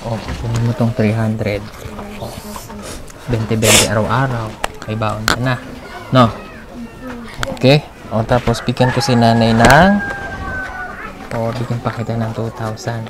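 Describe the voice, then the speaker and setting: A woman's voice: very deep voice, little pitch movement, measured pace, pauses often, heavy background noise. A woman from the Philippines vlogging as she hands out aid, talking in a coaxing, motherly way and laughing easily. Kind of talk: casual on-camera chat.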